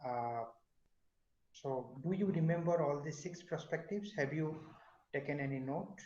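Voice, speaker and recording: Soft-spoken professor lecturing over a call. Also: male voice, fairly high pitch, measured pace. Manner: questioning students, many fillers. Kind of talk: online class lecture. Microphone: video call. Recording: echoey, dull online class audio.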